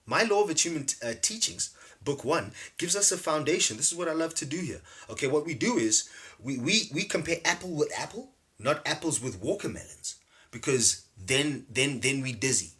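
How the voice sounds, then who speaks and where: A man teaching casually on a livestream, animated, repeating words and laughing often. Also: fairly high pitch, normal speed. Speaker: spiritual teacher streaming live. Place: home livestream setup.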